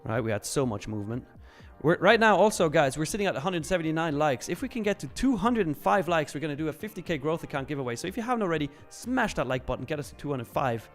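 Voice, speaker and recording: Talking fast with few pauses, a Swiss man runs a live trading stream, chatting frankly and informally with viewers about trades and repeating his phrases. His voice is on the high side and very animated, with faint music in the background.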